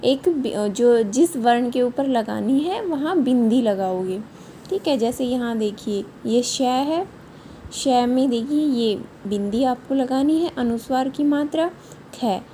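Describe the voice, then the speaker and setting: A woman's voice: high-pitched, dark tone, a little hiss or hum. A woman teacher giving a patient, step-by-step revision lesson to young children, often checking in with short questions. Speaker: primary school teacher.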